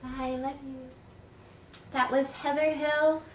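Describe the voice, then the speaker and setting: A woman's voice: high voice, little pitch movement, slow, a little hiss or hum. A woman hosting a casual interview, effusive and thankful. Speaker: host. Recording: roomy echoey sound.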